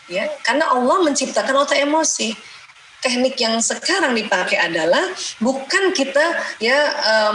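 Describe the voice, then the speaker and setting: Chatty woman doctor lecturing parents. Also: on the high side. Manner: chatty, asks and answers her own questions, acts out parents' lines. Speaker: doctor giving a parenting talk. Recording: echoey room, faint ambient noise.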